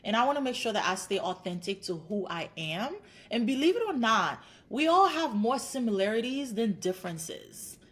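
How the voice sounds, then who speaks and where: Very animated, with a slightly high, fairly bright voice at normal speed, this woman in her thirties from Haiti is a clinical psychologist guesting on a podcast. She responds earnestly and encouragingly, frequently stacking her ideas into lists.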